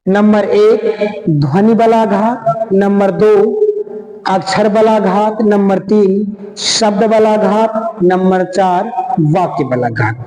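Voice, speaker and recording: A man teaching a lesson, speaking slowly, repeating key terms and stretching out single words. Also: sits high, dark tone. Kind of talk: classroom lecture. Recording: echoey room, roomy reverb.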